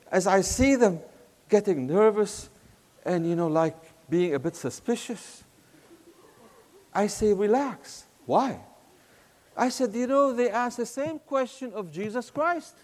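A high-voiced older man from Syria preaches with a Syrian Arabic accent, his voice carrying a long reverb through a big hall. He speaks slowly and tells stories, rising to loud emphatic lines and dropping back to a near-hush. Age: 60s. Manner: storytelling, swings between loud emphasis and soft hush. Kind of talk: sermon.

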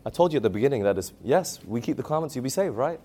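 A man's voice: medium pitch, warm tone. A man preaching a sermon, emphatic, asking the audience questions and reading scripture aloud.

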